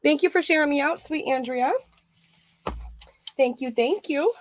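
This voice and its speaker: A woman's voice: high-pitched, unhurried, a little hiss or hum. Chatty woman greeting her livestream viewers. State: out of breath. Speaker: host of a crochet livestream. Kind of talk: casual livestream chat. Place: home craft room.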